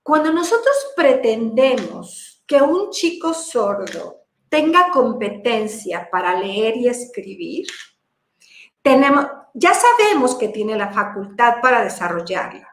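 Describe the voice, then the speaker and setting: Woman lecturer, high voice, unhurried and deliberate, roomy echo. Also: sing-song. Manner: slow, deliberate explanation with rhetorical questions. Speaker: lecturer on language teaching for deaf children. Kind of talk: virtual conference lecture. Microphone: video call.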